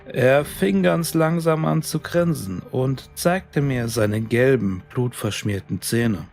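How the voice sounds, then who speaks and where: Slow, gravelly male storyteller. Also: mid-range voice, a little mellow, faint music behind. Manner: deliberate, suspenseful, dramatic delivery. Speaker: storyteller, narrator. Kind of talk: scripted first-person horror story narration.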